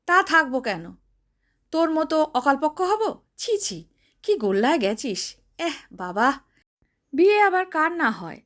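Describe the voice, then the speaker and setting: A female storyteller gives a full character voice to a bossy, stout older woman, high-voiced and sharp-tongued, who brashly scolds and orders people about with rough affection in homely colloquial speech. The delivery is very animated yet measured, with frequent pauses.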